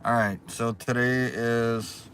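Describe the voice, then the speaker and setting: A man hosting a casual livestream from inside a car, rambling through unhurried small talk with viewers. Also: medium pitch, steady tone, a bit bright. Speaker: livestream host, small YouTube channel. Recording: clear background noise, car ambience.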